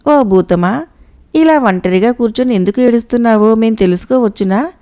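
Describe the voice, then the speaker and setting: A woman voicing a calm, brave young hero. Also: a little high, normal speed, lightly acted. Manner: steady, reassuring talk.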